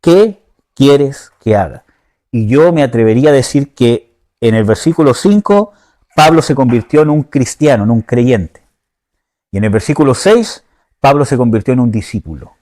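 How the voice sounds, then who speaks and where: A man's voice: mid-range voice, lively intonation, moderate pace, a little mellow. A man giving an informal teaching sermon, often checking in with his listeners and searching aloud for words. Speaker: preacher.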